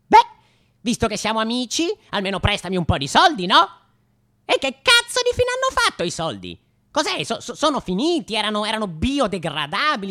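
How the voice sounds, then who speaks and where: A man in his late twenties delivers a satirical radio comedy monologue, theatrical and mock-nostalgic, full of rhetorical questions and hesitant repetitions. His voice is high and a bit bright.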